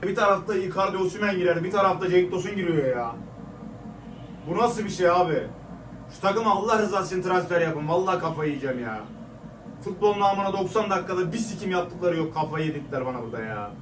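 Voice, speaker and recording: A young man giving live reaction commentary on a match, frustrated and swearing as he shouts at the players. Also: sits high, animated, quick pace, noisy background. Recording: echoey room, mic at a distance.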